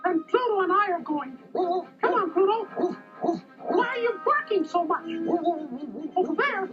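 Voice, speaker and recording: A squeaky, very high-pitched cartoon mouse, plucky and cheerful. He speaks with earnest, brisk kindness, as in a children's storybook. The recording is dull, lo-fi tape with music behind. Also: lively intonation. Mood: eager. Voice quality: squeaky falsetto. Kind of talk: children's audio storybook acting.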